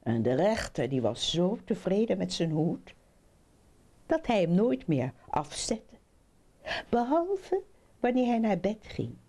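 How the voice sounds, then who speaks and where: A woman reading children's stories aloud in an expressive, animated storytelling manner. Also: mid-range voice, slow, long pauses.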